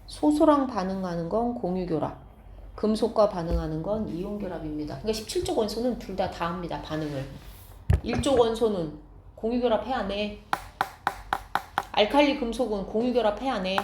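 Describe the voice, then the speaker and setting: A woman science teacher giving a classroom lecture, explaining step by step and often asking students quick check questions. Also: mid-range voice, animated, reverberant, noisy background.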